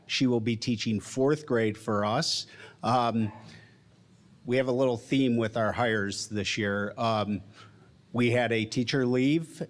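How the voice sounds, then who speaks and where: Man, principal, slow deliberate delivery, plain mid voice, board-meeting intro. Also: medium pitch. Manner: measured, with pauses and fillers. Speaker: school principal. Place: school board meeting room.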